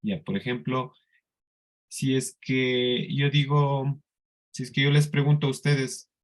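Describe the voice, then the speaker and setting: This is a man with a Colombian Spanish accent teaching a class. He talks at a slow, deliberate pace in a mid-range voice, and he often checks that his students understand. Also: mid-range voice, steady tone. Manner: slow, patient explaining with frequent checks for understanding. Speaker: English teacher. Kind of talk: classroom lesson.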